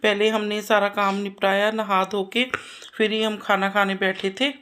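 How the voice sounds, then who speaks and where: A woman's voice: medium pitch, little pitch movement, moderate pace, fairly bright tone, clear, resonant tone. A woman in her thirties, a mother narrating her household chores in a homely, chatty voice-over, repeating herself often. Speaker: vlogger and mother.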